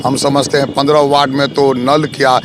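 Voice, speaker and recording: A man running as a local election candidate, answering interview questions in a forceful, accusatory way, piling up lists of grievances. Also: medium pitch, level tone, normal speed, background noise.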